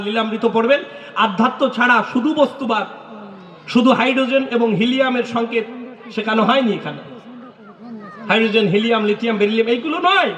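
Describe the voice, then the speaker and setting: A man's voice: extremely high pitch, fairly bright tone. A man giving a devotional lecture and answering audience questions, explaining patiently and reciting mantras in rhythmic runs. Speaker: religious speaker. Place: lecture hall stage. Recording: echoey hall with long reverb.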